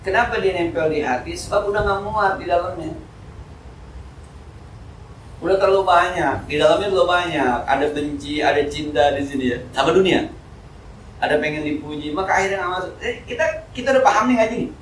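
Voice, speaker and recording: A man with a Jakarta Betawi accent giving an informal, joking sermon at a mosque study session, swinging between loud and soft. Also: high-pitched, brisk, slight background noise. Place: mosque hall. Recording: echoey hall, speaker far from mic.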